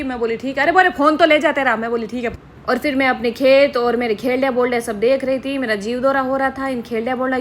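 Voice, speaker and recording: A woman's voice: on the high side, fairly bright tone. Give me a playful young Rajasthani woman telling her vlog story, with a faint noise underneath. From Rajasthan, India. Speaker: vlogger. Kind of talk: casual vlog narration.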